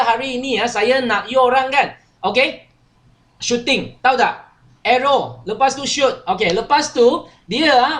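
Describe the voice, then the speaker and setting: A high-pitched woman leads a workshop in a chatty way. She tells a story to the group and keeps checking in with questions. Her phrases are often tagged with "okey". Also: fairly bright tone. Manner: chatty, asks listeners questions, frequent 'okey' tags. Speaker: workshop trainer. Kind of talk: training talk with storytelling.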